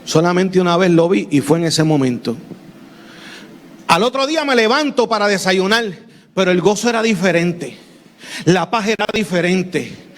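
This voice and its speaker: A man preaching his testimony as a pastor, with a Puerto Rican accent, growing fervent and breaking into shouts. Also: high-pitched. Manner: addresses listeners as "mi amado" and "iglesia".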